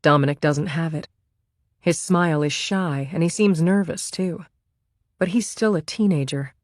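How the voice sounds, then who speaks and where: A woman with a notably low voice reads a thriller audiobook in calm, measured narration. The recording is dry and close, with no room sound at all. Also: no room sound. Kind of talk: scripted narration.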